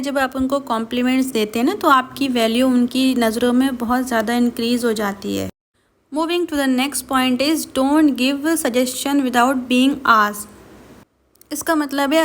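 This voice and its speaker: A woman gives earnest advice in a casual vlog, slipping English phrases into her talk. A faint background noise runs underneath. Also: high-pitched. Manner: earnest, advising, mixes English phrases into Hindi. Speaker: vlogger giving marriage advice.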